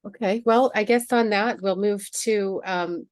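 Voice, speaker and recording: A woman's voice: mid-range voice, measured pace, no room sound, studio quality. A woman hosting an interview, talking casually and hesitantly, searching for her words with many fillers. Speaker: interview host.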